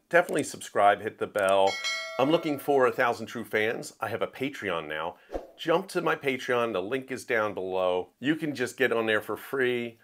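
A male book review show host with a lowish, fairly bright voice offers his opinions in a casual monologue. When he wants to make a point, he gets emphatic.

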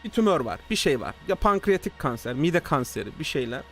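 A man streaming live, telling a story casually to his chat, animated and swearing freely. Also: a little high, a little fast, soft background music. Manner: animated, swears freely, acts out quoted dialogue.

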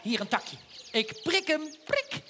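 An actor playing a cheerful, naive, childlike clown on stage, chatting playfully with the children in the audience. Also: male voice, extremely high pitch, wildly swooping pitch, slow pace, background noise, full character voice. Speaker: stage comedian. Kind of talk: live children's theatre comedy. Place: theatre stage.

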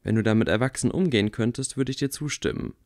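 A man reading aloud, voicing a calm, wry blind boy wizard who speaks quietly. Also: medium pitch, fast, natural voice. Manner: quiet, level.

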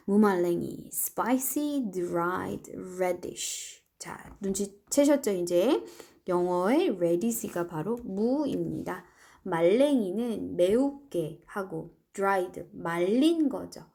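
A middle-aged woman teaching an English class online, explaining words step by step and reading example phrases slowly. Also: medium pitch, expressive, creaky, dark tone. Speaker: high school English teacher. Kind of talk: recorded online class lesson.

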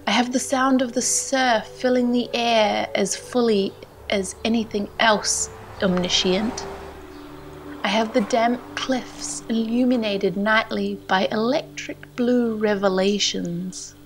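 A Canadian woman narrating a travel vlog in a gentle, hushed voice that sometimes drops to a whisper, and reading poetry aloud. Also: fairly high pitch, steady tone, slow, soft background music. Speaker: vlogger. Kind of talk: soft-spoken voice-over narration and poetry reading.

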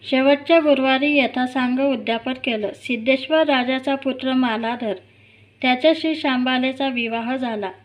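A woman narrating a devotional folk tale in a steady, recited storytelling manner. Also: high voice, highs cut off.

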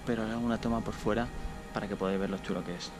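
A young man with a Spain Spanish accent, narrating as he carefully explores an abandoned building, often talking low and cautiously. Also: fairly even intonation, rapid-fire, music in the background. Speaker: urban explorer vlogger. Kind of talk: casual vlog narration. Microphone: action camera.

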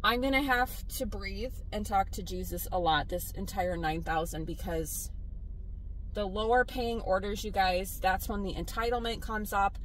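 A woman, a delivery driver vlogging from her car, blunt and animated as she tells her stories. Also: medium pitch, moderate pace, a little hiss or hum, poor audio. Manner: exasperated, blunt, animated storytelling. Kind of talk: casual vlog venting to viewers.

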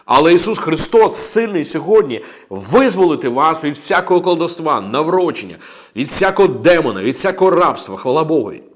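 A man's voice: on the high side, big pitch swings, a little fast. Emphatic man preaching a sermon. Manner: emphatic, declaring, with amens and praise interjections. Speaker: pastor.

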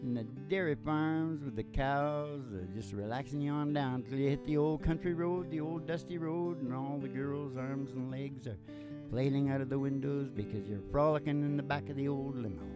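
On a small indoor stage framed by curtains, a sixties-aged country singer hosting the show speaks at medium pitch and normal speed into a stand mic. His comic patter is folksy, theatrical, playful and rambling, and an acoustic guitar accompanies the live performance.

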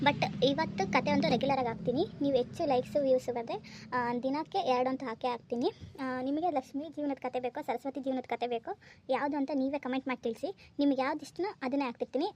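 A woman's voice: high voice, noisy background. A woman hosting a story channel, chatting casually and apologetically to her viewers.

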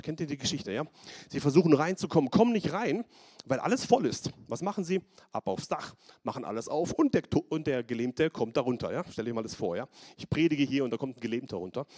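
A man preaching a sermon at a conference, fast and emphatic, often stumbling and repeating words. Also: medium pitch, a little mellow, no echo. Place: church conference hall.

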